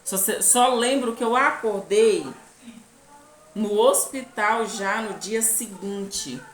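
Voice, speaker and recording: A woman's voice: mid-range voice, slight background noise. Earnest Brazilian woman in an echoey room. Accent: Brazilian Portuguese. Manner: halting, earnest, often asks the listener "entende?". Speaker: channel host telling her life story. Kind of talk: personal testimony to camera.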